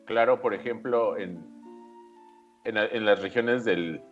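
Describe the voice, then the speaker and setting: Low-voiced Mexican man chatting. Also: slow pace, phone-quality sound, soft background music. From central Mexico. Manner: chatty, tells anecdotes with quoted dialogue. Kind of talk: casual podcast chat.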